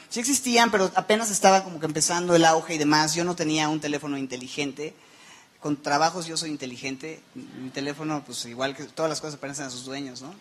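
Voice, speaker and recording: Young man, pastor, sermon, jokey and chatty, slightly high voice. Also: a bit bright. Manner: joking, conversational, self-deprecating.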